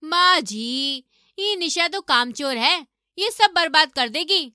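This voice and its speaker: A woman's voice: sits high, expressive, takes it slowly, pushed and bright, no echo, clean studio sound, heavily acted. Woman playing a sly scheming daughter-in-law. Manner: sly, spiteful. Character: scheming greedy young elder daughter-in-law.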